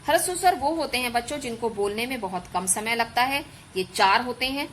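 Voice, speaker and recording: A woman's voice: a little high, lively intonation, fairly quick, fairly bright tone, slight background noise, rough recording. A woman schoolteacher giving an online grammar lesson to children, patiently explaining step by step and drawing out sounds as examples. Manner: addresses pupils as children. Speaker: school teacher.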